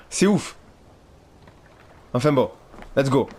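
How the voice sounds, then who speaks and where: A man's voice: mid-range voice, expressive, drawn-out words, darkish tone, slight background noise. A man giving casual let's play commentary, chatting straight to his viewers.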